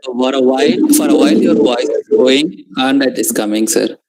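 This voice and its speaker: A man's voice: medium pitch, normal speed, darkish tone, rough recording. A man who joins an online workshop and politely calls the trainer "sir". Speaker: workshop participant. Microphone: video call.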